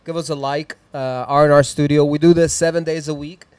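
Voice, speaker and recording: He sounds clear and resonant, a little high yet darkish, brisk and fairly even, in a dry recording. The speaker, a man in his thirties with a Mexican accent, hosts a live music stream in a small decorated studio room indoors. He rambles happily into a handheld mic, giving casual chat and shout-outs and plugging sponsors and socials.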